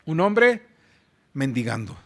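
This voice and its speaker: A man with a Mexican Spanish accent preaching a sermon as pastor, moving between loud exhortation and soft asides. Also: medium pitch, big pitch swings, slow. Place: church.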